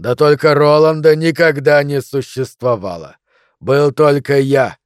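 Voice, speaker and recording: A man voicing a cruel male monster that hisses its words slowly with sickening glee. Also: a little high, clean tone, no room sound, clean studio sound, close to an everyday voice. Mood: gloating. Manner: hissing, slow and mocking.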